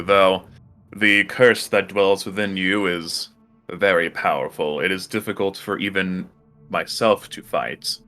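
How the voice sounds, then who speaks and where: A man voicing a solemn, fatherly god in a tabletop game, speaking gravely and formally. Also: low-pitched, sharp tone. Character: solemn otherworldly god, fatherly, to a cursed elf.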